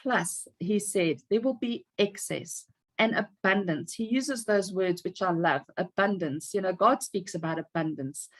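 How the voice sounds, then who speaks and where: A woman's voice: medium pitch, unhurried. A woman, giving an upbeat, emphatic motivational talk as a team leader on a video call. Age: 50s.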